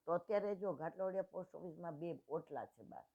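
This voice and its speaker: Older woman storyteller at a devotional gathering, lowish voice, retells dialogues in homely speech, tinny phone-like sound. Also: lively intonation, fast talker. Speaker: satsang speaker.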